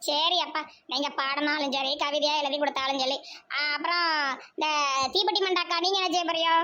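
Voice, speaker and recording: With a very high, sharp cartoon voice, a woman plays a bossy village mother for amateur comedy voice acting. Her tone stays steady and brisk as she brashly chatters in a southern Tamil Nadu accent, mocking and teasing whoever she addresses.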